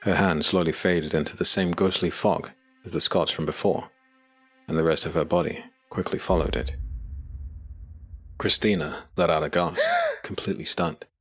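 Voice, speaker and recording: A man narrating a dark fantasy audio drama with measured, even storytelling. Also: deep voice, faint music behind. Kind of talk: scripted narration.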